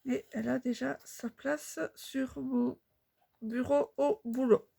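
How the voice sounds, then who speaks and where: Slow, gravelly-voiced woman chatting. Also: high-pitched, steady tone, mellow. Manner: chatty, unhurried, many fillers. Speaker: cross-stitch vlogger. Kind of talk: casual chat while stitching.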